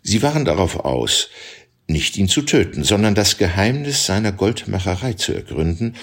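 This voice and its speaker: A man reading a literary novel aloud as an audiobook, with measured, expressive storytelling. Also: deep voice. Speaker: audiobook reader.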